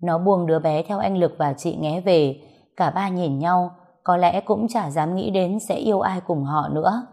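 Woman reading a story out loud, kinda low voice, does all the lines herself. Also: normal speed, slightly rough. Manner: reads all the characters' dialogue in her own voice. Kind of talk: scripted narration.

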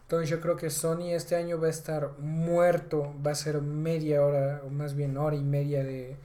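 A hoarse man with a Mexican accent co-hosting a casual gaming podcast, full of slang. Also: on the high side, little pitch movement, moderate pace, warm tone. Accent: Mexican Spanish. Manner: slangy, says güey constantly. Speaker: podcast co-host.

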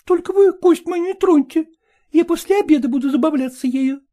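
A woman's voice: sits high, brisk, dark tone, pitched above the performer's own voice, lightly acted. A woman voicing a cheeky female stray dog in an audiobook, chattering in a coquettish, wheedling way. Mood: cheerful. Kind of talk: audiobook character voice.

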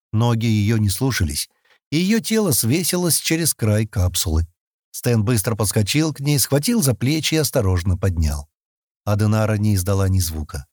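A man narrating a science fiction audiobook in an expressive storytelling manner. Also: mid-range voice, no echo, studio quality. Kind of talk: scripted narration.

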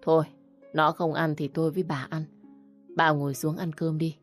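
A woman voicing a frail elderly father who speaks calmly and gently. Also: low voice, moderate pace, soft background music, lightly acted. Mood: gentle.

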